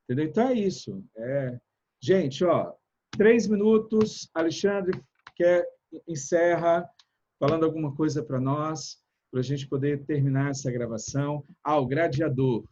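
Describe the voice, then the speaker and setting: A man giving a live online chat talk about communication and speaking to audiences, energetic and shifting between fast and slow, loud and soft. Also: a little high, highs cut off, slight background noise. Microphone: video call.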